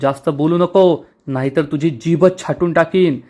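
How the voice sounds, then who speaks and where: A man's voice: a little high, moderate pace, a little mellow, close to an everyday voice. A man voicing a bossy, angry older mother-in-law who scolds and threatens. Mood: furious.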